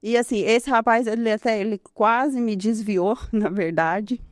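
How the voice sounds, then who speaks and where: Mulher de trinta e poucos anos, voz aguda e seca, contando seu testemunho. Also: female voice, on the high side, unhurried, no echo, clean studio sound. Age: 30s. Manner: earnest, tells her story with frequent "né?" and soft laughs. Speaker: guest giving a testimony. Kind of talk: personal testimony in an interview.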